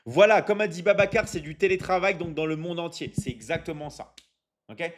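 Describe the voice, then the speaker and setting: This French man hosts a live stream for his online academy, coaching and selling while responding to chat. He speaks a little high and a little fast, with lots of energy, plenty of repetition, heavy fillers, and repeated "ok? d'accord?" prompts.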